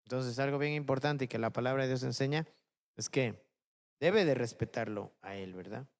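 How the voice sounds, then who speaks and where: A man's voice: mid-range voice, moderate pace. A man preaching a sermon as pastor, who keeps checking in with his listeners and asks rhetorical questions.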